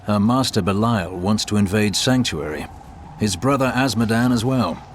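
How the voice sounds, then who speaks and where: A man's voice: lowish voice, moderate pace, slight background noise, close to an everyday voice. A man playing a resolute, blunt crusader hero in a video game. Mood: grim resolve.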